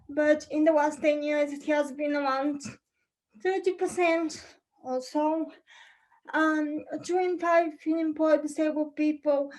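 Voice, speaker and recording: Woman, young adult, from Bulgaria, high-pitched, careful halting delivery, slide presentation, video call. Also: a little mellow, low-quality recording. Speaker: conference speaker.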